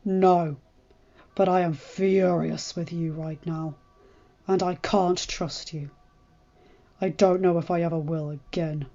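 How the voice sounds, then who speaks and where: Voicing an enraged, severe lord in middle age, a woman speaks in curt, icy phrases that escalate to yelling. Her lowish voice stays fairly even, slow and marked by long pauses. Faint music plays beneath a dull, lo-fi recording.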